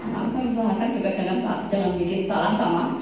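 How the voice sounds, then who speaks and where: A woman leads a religious study class in a chatty, teasing way, with joking asides. She reads Arabic passages slowly before she explains them. Her voice sounds far from the mic and muffled, and it rings through a large, very echoey hall. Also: medium pitch, noisy background. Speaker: religious teacher. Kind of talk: religious study lecture to women.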